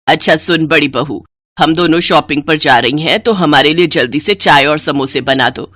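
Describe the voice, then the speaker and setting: A woman's voice: deep voice, normal speed, pushed and bright, no room sound, studio quality, voice pushed down. Woman doing a harsh bossy mother-in-law. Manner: scolding, contemptuous.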